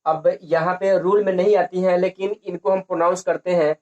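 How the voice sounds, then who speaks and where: Male teacher, slightly high voice, repetitive question-and-answer delivery, dull lo-fi recording. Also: little pitch movement, normal speed, darkish tone. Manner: repetitive, asks and answers his own questions. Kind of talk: lesson on English pronunciation.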